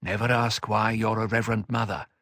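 A man's voice: fairly low pitch, level tone, fairly bright tone, no echo. A man doing a cool, needling older mentor woman. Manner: measured, dry, needling. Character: calm, cutting older woman, a wise mentor.

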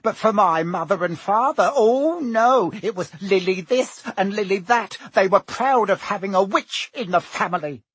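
A man voicing a shrill, bitter middle-aged aunt in an audiobook, ranting with venom and resentment. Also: lively intonation, moderate pace, few pauses, fairly bright tone, breathy edge, no echo, exaggerated voice. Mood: shrieking, bitter.

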